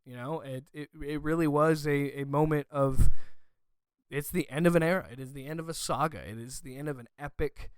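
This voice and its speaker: A man's voice: a little high, fairly even intonation, a little fast, clean tone, no echo. A young man hosting a podcast, gushing emotionally in a casual review chat with lots of fillers. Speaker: podcast host.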